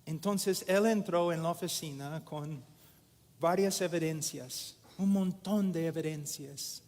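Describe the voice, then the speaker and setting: A man preaching a sermon in a slow, deliberate way with many pauses. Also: fairly high pitch, darkish tone. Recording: echoey hall with long reverb.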